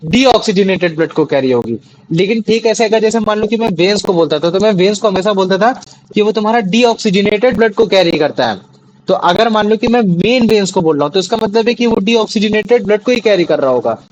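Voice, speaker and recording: A man's voice: sits high, expressive, quick pace, low-quality recording. A young man teaching a classroom lesson, often repeating questions to check that the students follow. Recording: faint background noise.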